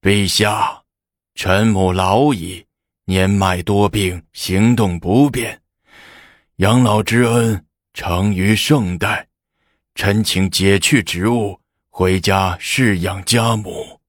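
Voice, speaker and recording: A man voicing a slow, humble court minister. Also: lowish voice, fairly even intonation, no echo, studio quality. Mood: pleading. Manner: slow, deferential pleading. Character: dutiful middle-aged male minister, humble.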